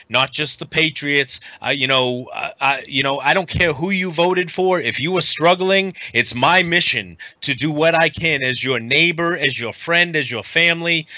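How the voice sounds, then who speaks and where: Middle-aged man from the United States, podcast guest, earnest, halting delivery, very forceful tense tone, dry close sound. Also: on the high side, no room sound. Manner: earnest, halting with frequent pauses. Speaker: guest, veteran nonprofit advocate. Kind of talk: casual podcast conversation.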